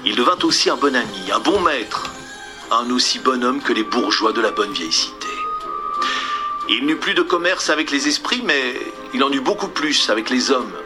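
Hushed male storyteller over music. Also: mid-range voice. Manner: soft, hushed delivery that often drops to a near whisper. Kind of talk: scripted storybook narration.

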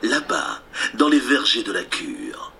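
A man voicing a sly, scheming big bad wolf in a storybook reading, speaking lower and drawing out his words. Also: wildly swooping pitch, slow pace, creaky, bright, forceful tone, a little hiss or hum, heavily acted. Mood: sly coaxing.

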